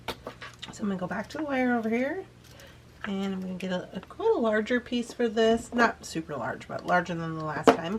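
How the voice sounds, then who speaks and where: With some background noise behind her, a mid-range-voiced woman casually demonstrates a beading project step by step. She chats in a relaxed way as she works and is slightly sniffly.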